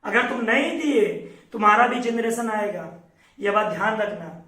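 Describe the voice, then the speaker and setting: Young male teacher, emphatic scolding motivational talk, high voice, distant mic in a roomy space. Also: normal speed, sharp tone.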